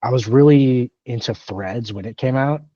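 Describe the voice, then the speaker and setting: A man's voice: medium pitch, moderate pace, warm tone, no echo, highs cut off. A man in his early thirties co-hosting a podcast, chatting casually in a rambling, self-deprecating way with lots of fillers and restarts. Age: 30s. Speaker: podcast co-host. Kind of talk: casual chat.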